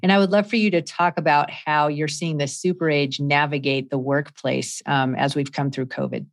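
A woman with a very low voice hosts a podcast interview. She speaks in a conversational way and often restarts her sentences as she puts her questions to the guest. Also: fairly even intonation, moderate pace. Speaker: podcast host.

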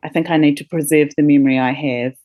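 A middle-aged woman with a notably deep voice answers interview questions in a relaxed, hesitant way, full of fillers and small laughs. The recording is close and dry, with no room sound. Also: fast, dry recording, lo-fi sound. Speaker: podcast guest, company co-founder. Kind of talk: casual interview chat.

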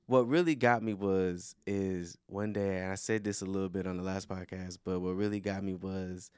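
A man's voice: sits low, moderate pace, clear, resonant tone, no room sound, clean studio sound. A man from Flint, Michigan, telling stories animatedly in a casual podcast chat, laughing often. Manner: animated storytelling, laughs a lot. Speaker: podcast guest.

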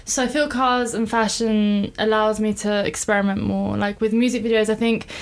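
A woman in her 30s, a film director born in Iran and raised in England, explains her work at length in a casual interview. She speaks reflectively and informally, with a medium-pitched voice, flat delivery and moderate pace.

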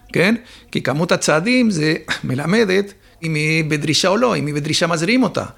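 A man speaking as a dairy farming expert in an interview, explaining step by step with frequent filler pauses. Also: a little high, creaky, fairly bright tone.

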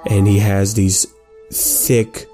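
A man narrating a tabletop game as game master, describing scenes in halting, improvised detail. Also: on the low side, level tone, over music.

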